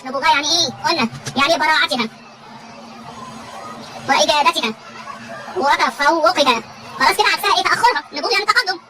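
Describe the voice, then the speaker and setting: Fast, high-voiced Egyptian woman teacher. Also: rough recording. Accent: Egyptian Arabic. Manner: repetitive call-and-response questioning. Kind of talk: classroom vocabulary drill. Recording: loud crowd and background noise.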